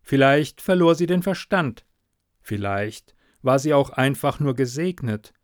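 Slow, measured male storyteller. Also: mid-range voice, animated, no echo, clean studio sound. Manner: slow, measured, softly dramatic. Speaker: narrator. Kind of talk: scripted story narration.

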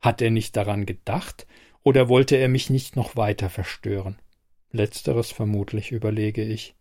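A man narrating an audiobook in a steady, even reading voice. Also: on the low side, normal speed, dry recording, clean studio sound. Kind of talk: scripted narration.

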